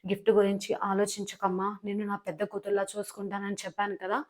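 A woman voicing an affectionate, wealthy middle-aged father in a serial recap, speaking in a gentle, reassuring way. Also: medium pitch, completely flat delivery, quick pace, lightly acted.

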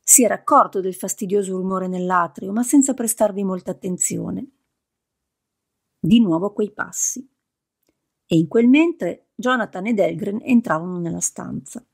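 A woman reading an audiobook novel in a steady, measured scripted narration. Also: medium pitch, vocal fry, breathy edge. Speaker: audiobook reader.

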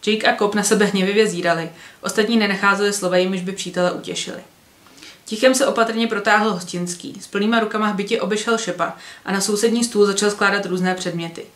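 Woman reading a novel aloud. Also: medium pitch. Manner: steady narration with occasional slips. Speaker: book vlogger. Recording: roomy echo.

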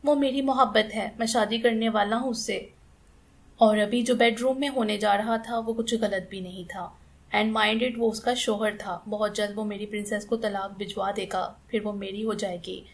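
A woman's voice: medium pitch, moderate pace, vocal fry, close to an everyday voice. A woman voicing a smug, arrogant young man. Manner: relaxed, smug, drawling.

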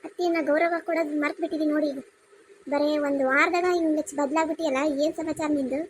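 A woman's voice: high voice, fairly even intonation, fast talker, noisy background, close to an everyday voice. A woman voicing a young modern daughter-in-law with a North Karnataka Kannada accent, speaking politely and pleading. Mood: hurt.

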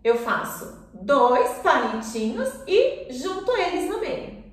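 A woman teaching children the alphabet, with warm encouragement and drawn-out tracing cues. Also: high-pitched, sing-song. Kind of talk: slow, sing-song children's lesson. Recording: echoey room, voice from a distance.

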